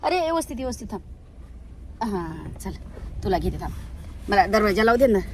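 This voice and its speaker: A woman's voice: medium pitch, big pitch swings, a little fast, echoey room. A young woman chatting on a family vlog, talking to viewers and coaxing her toddler along. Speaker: family vlogger. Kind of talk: casual family vlog chat. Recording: phone video with clear street noise.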